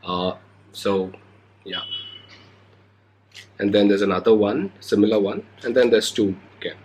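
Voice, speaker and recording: This rough recording, made on a handheld recorder or camera mic, captures a young Indian English-accented motovlogger recovering from a cold. He speaks low, measured and darkish in tone, chatting loosely through an unboxing vlog full of hesitant fillers.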